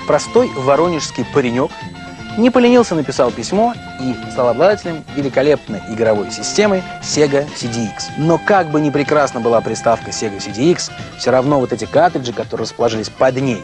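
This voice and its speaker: A man in his thirties presenting a TV show and interviewing guests in a jokey, theatrical way, with a husky voice. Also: medium pitch, lively intonation, quick pace, hardly any pauses, music in the background. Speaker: TV show host. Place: small TV studio.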